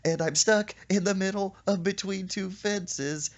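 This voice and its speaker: A man voicing a panicked young boy stuck between two fences, whining and pleading in a high voice. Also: unhurried. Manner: high pleading whine, yelling.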